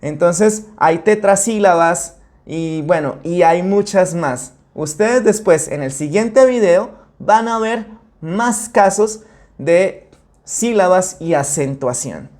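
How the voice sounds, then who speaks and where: Slow, careful woman teaching. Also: fairly low pitch, expressive, a little mellow. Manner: slow, careful syllable-by-syllable explanation. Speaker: Spanish teacher. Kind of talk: video lesson.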